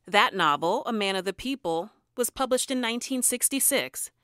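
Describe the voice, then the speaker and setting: A woman's voice: fairly high pitch, lively intonation, moderate pace, sharp tone, smooth, no room sound, clean studio sound. A woman reading scripted narration for a television profile. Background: music.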